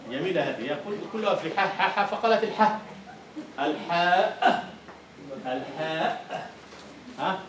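Egyptian lecturer quizzing a class in an echoey hall. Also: male voice, sits high, animated, rapid-fire, few pauses, distant mic, crowd noise. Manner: quizzing students, repeating their answers. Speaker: university lecturer. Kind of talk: classroom lecture on Arabic prosody.

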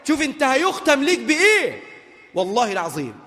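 A man with an Egyptian accent preaching a storytelling sermon, animated, slowing into solemn classical quotations. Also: extremely high pitch, in a large hall. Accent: Egyptian Arabic. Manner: animated, switches into slow solemn classical quotes.

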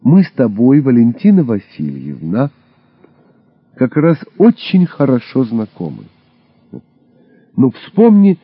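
A man voicing a sly, smooth-talking male undercover agent in a slightly lowered voice, on a dull lo-fi recording. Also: dry recording, full character voice. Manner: suave, then hissing and low.

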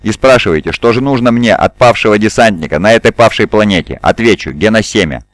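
A man voicing a calm, proud and sinister male surgeon who speaks with cold courtesy. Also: fairly low pitch, fast talker, dry recording, natural voice. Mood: coldly polite. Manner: smooth, courteous, coldly pleased.

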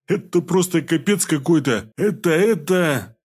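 A man voicing a coarse, domineering ex-convict gang boss who talks in rough barking slang. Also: mid-range voice, lively intonation, fairly quick. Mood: astonished.

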